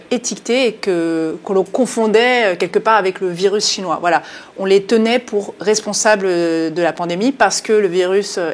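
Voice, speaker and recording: A woman journalist and author speaking as a guest in a studio interview, earnest and often halting, with frequent fillers and restarts. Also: mid-range voice.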